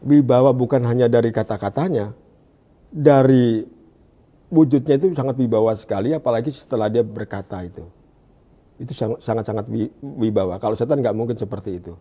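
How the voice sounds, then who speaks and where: A man from Indonesia telling his story in an interview, often pausing and restarting as he searches for words, and dropping to a hushed voice when he quotes. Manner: drops to a hushed low voice when quoting. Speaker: guest giving a testimony. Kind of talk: conversational interview.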